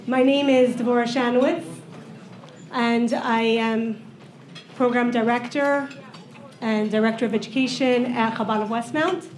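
A young woman interviewer speaking formally and clearly on stage through a handheld mic. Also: a little high, steady tone, unhurried, slight background noise. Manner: formal and articulate. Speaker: interviewer and program director. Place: event hall with audience. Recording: echoey hall, faint room ambience.

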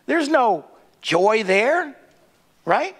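High-voiced male pastor preaching. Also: very animated, drawn-out words, fairly bright tone. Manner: emphatic, rhetorical questions with a tag "right?". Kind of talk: sermon. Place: large church sanctuary with a stage.

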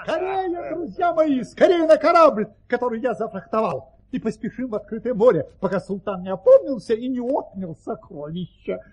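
An actor playing an excitable, boastful adventurer baron in a theatrical, expressive audio play style, with a husky voice. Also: male voice, very high voice, moderate pace, few pauses, full character voice. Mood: urgent. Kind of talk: Soviet audio play acting.

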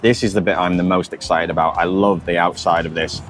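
A man's voice: sits low, flat delivery, brisk, faint music behind. A man co-hosting a food vlog, chatting casually and enthusiastically and often ending remarks with tag questions. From United Kingdom. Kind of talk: casual chat while tasting food.

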